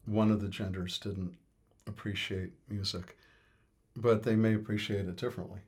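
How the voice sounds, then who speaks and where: Man, low husky voice, rambling interviewee who thinks aloud with fillers and restarts. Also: level tone, moderate pace, a little mellow. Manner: hesitant, many fillers and restarts. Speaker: interviewee on music. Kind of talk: thoughtful conversational explanation.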